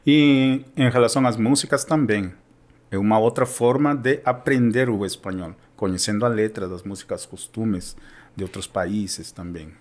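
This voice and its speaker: A Peruvian Spanish teacher explains things in Portuguese with a Peruvian Spanish accent, in a casual educational chat where he often checks in with his listener. His voice is lowish and his pace moderate.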